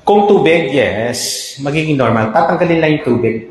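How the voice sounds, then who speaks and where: A man's voice: on the high side, expressive, normal speed, a little hiss or hum. A man with a Filipino accent, a doctor giving a health talk and checking in with his listeners. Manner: explains with repeated "okay?" checks. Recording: echoey room.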